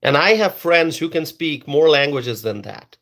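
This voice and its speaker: Unhurried yet animated, with a fairly high and slightly bright voice, a Bengali-speaking political commentator delivers his opinions emphatically, leaning on repeated words for stress.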